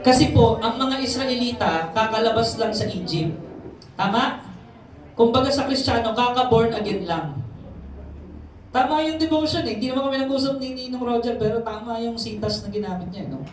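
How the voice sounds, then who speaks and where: A man's voice: very high voice, lively intonation, normal speed. A man preaching a sermon as pastor, talking conversationally and often asking the congregation questions. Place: church hall. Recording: very echoey hall, distant mic, faint noise.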